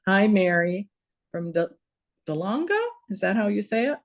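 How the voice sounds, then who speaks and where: A woman's voice: mid-range voice, steady tone, normal speed, vocal fry. A woman hosting an online town hall over a video call, chatty, with many fillers and restarts. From not from Georgia.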